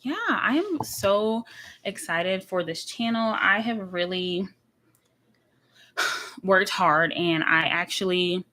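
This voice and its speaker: A woman's voice: lowish voice, slow pace, long pauses, bright, forceful tone. Chatty bubbly Texas woman, late twenties. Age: late 20s. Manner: chatty, bubbly, many repeats of so and like. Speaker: anime reaction streamer. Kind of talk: casual livestream chat. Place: at home in front of a camera.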